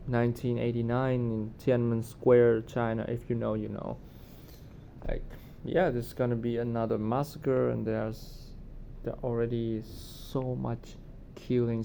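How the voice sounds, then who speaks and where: Male commentator, unhurried and creaky, off-the-cuff and hesitant, with faint rumble behind him. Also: warm tone. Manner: hesitant, halting, searching for words. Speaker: vlogger giving commentary. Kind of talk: casual unscripted commentary on current events. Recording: noticeable low rumbling background noise.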